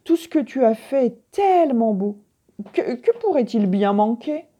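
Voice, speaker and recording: A woman reading aloud voices a pair of small, helpful red-headed ducks in a lighter, higher storytelling voice. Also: expressive, measured pace, dark tone, husky. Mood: admiring.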